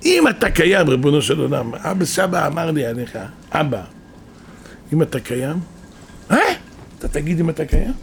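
A man's voice: a little high, expressive, gravelly, a little hiss or hum. A man voicing a repentant wicked king who pleads with God and cries out his confession. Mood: pleading. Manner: pleading, then shouting in confession.

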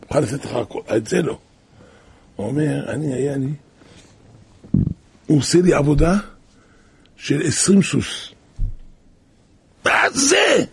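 A man delivers a spoken sermon, retelling old rabbinic stories in a loose, chatty way. His voice is heavily gravelly and very husky, sitting a little high for a man. He keeps looping back with "he says" and bursts out loudly at dramatic moments. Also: long pauses, dry recording. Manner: repetitive "he says" storytelling, loose and colloquial.

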